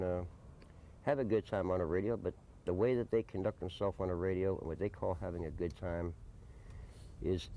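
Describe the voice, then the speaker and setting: Recorded on noisy early 1990s field video at a desert camp, a resident answers documentary questions off the cuff. He's an American man with a low, mellow voice and a plain-spoken way of talking, filmed on location at the informal camp.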